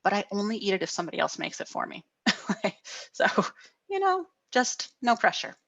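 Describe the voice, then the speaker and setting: A middle-aged woman counselor giving a gentle guided wellness talk over a video call, often asking "right?". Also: mid-range voice, sing-song, normal speed, creaky, dry recording, muffled recording. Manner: gentle, frequent "right?" tags.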